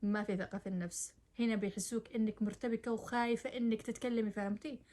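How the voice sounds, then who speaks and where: A woman's voice: on the high side, darkish tone. Chatty young woman giving advice. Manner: chatty, addresses viewer directly, mixes English words. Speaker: advice vlogger. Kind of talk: casual advice talk to camera.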